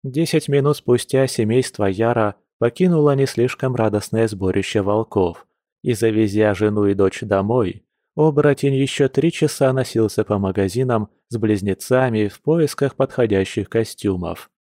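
A man narrates a novel in a steady, even reading voice. His voice sits low, and the recording is dry and close. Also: normal speed, dry recording. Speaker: audiobook narrator. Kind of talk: scripted narration.

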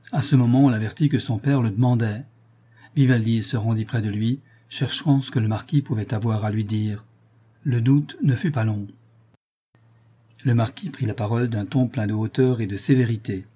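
A man reading a classic novel aloud in a measured, steady manner. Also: medium pitch, breathy edge. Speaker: audiobook reader. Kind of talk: scripted narration of a classic novel.

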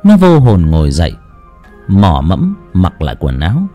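A man narrating a dark folk story in a dramatic, animated way. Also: low-pitched, moderate pace, soft background music.

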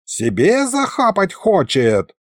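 A man's voice: fairly high pitch, big pitch swings, measured pace, no echo, clean studio sound. Man putting on a cranky old ghost wizard. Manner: cranky, shouting, folksy old sayings. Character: grumpy old male ghost wizard, quarrelsome.

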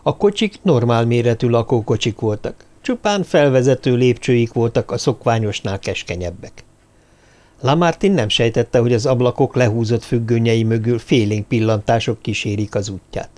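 A man reading an audiobook novel in measured, even narration. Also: medium pitch. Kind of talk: scripted narration.

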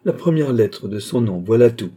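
A man with a dark, husky voice reading a haughty, teasing queen in an audiobook, raising his voice a little for her. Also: mid-range voice, lively intonation, moderate pace. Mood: mocking. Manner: teasing, laughing, grand. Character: haughty, mocking adult woman queen.

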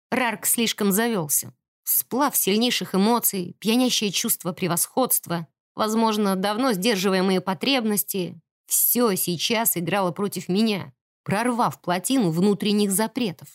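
A woman narrating a novel in the first person, in a lively, expressive reading voice. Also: medium pitch. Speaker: audiobook narrator.

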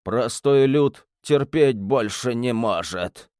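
A man voicing a poor old townsman who speaks slowly in a trembling, pleading voice. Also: fairly high pitch, sing-song, a little mellow, no room sound, clean studio sound, pitched above the performer's own voice. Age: older.

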